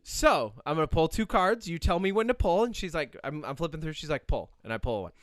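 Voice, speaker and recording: A man's voice: fairly high pitch, fairly quick, no echo, clean studio sound. A young man hosting a podcast in casual chat, telling stories with frequent laughs and restarts. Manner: animated storyteller, laughs often, restarts. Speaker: podcast host.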